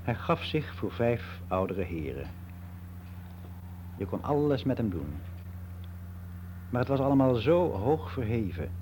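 In a radio drama monologue, an actor voices a worldly, unbelieving older man who reflects candidly and confides in a frank, wry, matter-of-fact way. The voice is warm and medium-pitched, with big pitch swings, an unhurried pace and frequent pauses, plus a little hiss or hum.

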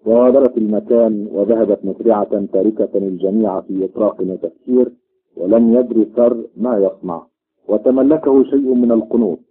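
Husky-voiced male storyteller. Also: lowish voice, a little fast. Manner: expressive, voices every character. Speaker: narrator. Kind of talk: dramatic storytelling. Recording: tinny phone-like sound.

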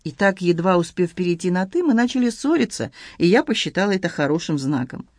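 A woman narrating a first-person novel in a lively, ironic storytelling manner. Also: lowish voice, a little fast, no echo, clean studio sound. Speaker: audiobook narrator.

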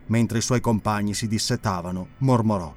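A man reading an audiobook in a measured, expressive narration. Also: fairly low pitch. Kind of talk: scripted dramatic narration.

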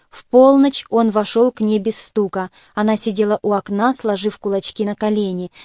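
A woman narrates a literary novel in a measured, expressive audiobook reading. Her voice is mellow and warm, a bit high for a woman. The recording is close and dry with no room sound. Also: no room sound.

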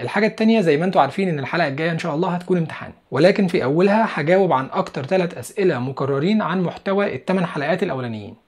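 Husky Egyptian man teaching English. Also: a little high, darkish tone. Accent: Egyptian Arabic. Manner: explains step by step, repeats each English word twice. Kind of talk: video lesson.

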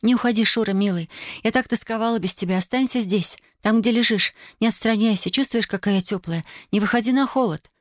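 A woman's voice: mid-range voice, a little fast, dry recording, studio quality, voice pushed up, close to an everyday voice. A woman reading aloud, voicing a young wife who talks in a pleading, breathless, tender way.

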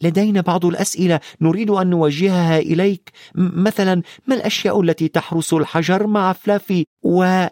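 A man's voice: high-pitched, fairly even intonation, fast, a little mellow, dry recording, clean studio sound, pitched above the performer's own voice, natural voice. Harry, a man voicing an earnest boy wizard.

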